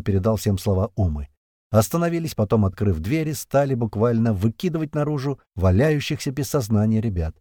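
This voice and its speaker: A male narrator reads a tense first-person story with a low, animated voice. The recording is dry and close, with no room sound. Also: no room sound. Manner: lively, tense storytelling with swearing.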